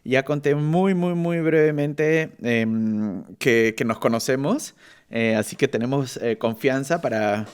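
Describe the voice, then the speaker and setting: A man's voice: mid-range voice, a little slow, clear, resonant tone. A Peruvian man hosting a casual podcast, talking in a chatty way with many fillers and repeated words. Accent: Peruvian Spanish. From Peru. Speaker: podcast host. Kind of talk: casual podcast intro and interview.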